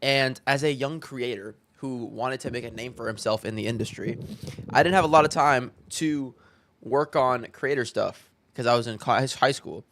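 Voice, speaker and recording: A man's voice: mid-range voice, moderate pace, fairly bright tone. A young man streaming live, chatting loosely and reacting to a video while talking to his viewers. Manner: chatty, loose, swears casually. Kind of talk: casual live-stream commentary.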